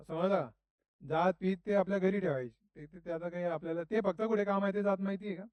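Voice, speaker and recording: A man's voice: sits high, a little mellow, dry recording. A middle-aged man teaching a class in a classroom, chatty and constantly asking students questions. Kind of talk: classroom lecture.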